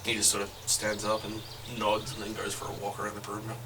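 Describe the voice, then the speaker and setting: A man running a tabletop game as game master, narrating in a relaxed, amused way. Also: fairly low pitch, quick pace, noisy background. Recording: distant mic with background music.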